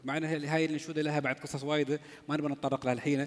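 A man's voice: on the high side, little pitch movement, very fast. A man with a Gulf Arabic accent, a panel guest telling a personal story with frequent restarts. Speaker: panel guest, religious singer. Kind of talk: personal anecdote in panel talk. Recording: long hall reverb.

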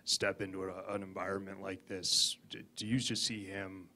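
A man's voice: sits low, flat delivery, normal speed, pushed and bright. A man asking a coach a question at a press conference. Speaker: reporter.

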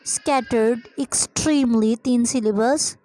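Woman teacher, slow and patient, slightly high voice, dry close sound. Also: dark tone, slight background noise. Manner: explains step by step, slow dictation of example sentences. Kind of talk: recorded grammar lesson.

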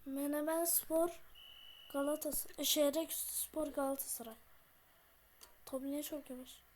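Excitable high-voiced woman gamer. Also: normal speed, slight background noise. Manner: excitable, blurts exclamations and slang. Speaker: gaming channel host. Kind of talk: live gameplay commentary.

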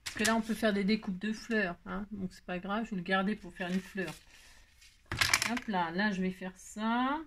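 A woman's voice: medium pitch, steady tone, moderate pace, very noisy. A tired woman hosting a casual crafting tutorial, chatty and self-mocking, talking straight to her viewers.

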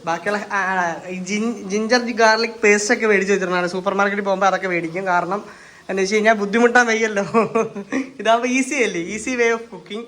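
A man films a family vlog of his partner cooking in their home kitchen, chatting casually, rambling, and slipping in English words. His voice sits high and is a bit bright, with fairly even intonation and a quick pace.

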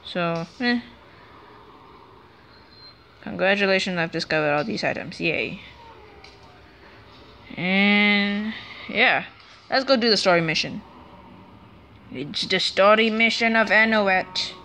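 Rambling woman gamer with a bright tone. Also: mid-range voice, slow, pauses often, slight background noise. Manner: chatty, rambling, self-correcting. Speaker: let's play gamer. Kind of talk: casual gameplay commentary.

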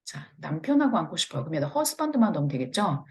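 A low-voiced woman with a Korean accent gives an English pronunciation lesson. Her voice has a gravelly, creaky edge, and she draws out each model phrase slowly before explaining it. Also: sing-song. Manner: slow, drawn-out model phrases with step-by-step explanations. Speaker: English teacher.

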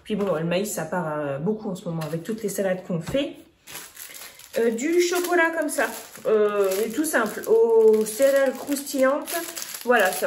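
A woman in her thirties, a vlogger, chats casually about her grocery haul in a slightly mellow, medium-pitched voice. Her talk is full of fillers and restarts, and the room sounds echoey with faint noise.

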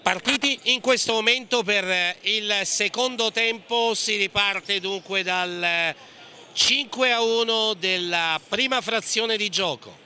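A man's voice: high-pitched, slow, bright, forceful tone. A man commentating live on a futsal match in clipped play-by-play with hesitations, passing from name to name. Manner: clipped running play-by-play, naming players pass by pass, with hesitations. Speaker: sports commentator. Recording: gym ambience with clear background noise. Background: indoor sports hall sounds, bouncing ball.

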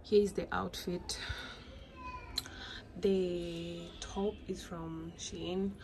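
This young Rwandan vlogger speaks very slowly to her phone camera, her fairly low voice kept to a fairly even intonation and marked by a Rwandan accent. She's indoors in small rooms, with an echoey sound and faint noise behind her.

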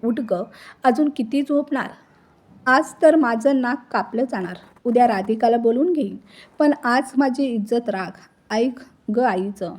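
A woman voicing a sharp-tongued middle-aged mother-in-law who scolds and taunts. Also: fairly high pitch, unhurried, breathy edge. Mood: scolding.

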